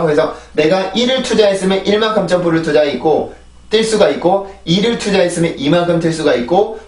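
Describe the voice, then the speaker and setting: A man's voice: on the high side, far from the mic. A man teaching English pronunciation in an online lesson, explaining patiently and drilling words aloud, often checking with "right?". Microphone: camera-mounted shotgun mic on a phone. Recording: echoey room, voice a bit off-mic.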